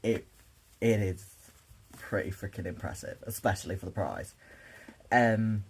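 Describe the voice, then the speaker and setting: A man's voice: lowish voice, a little slow, slightly rough, low-quality recording. A young man, a drag performer, chatting to camera in a rambling, sleepy, self-interrupting way about makeup. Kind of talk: casual chat to camera. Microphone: camera mic.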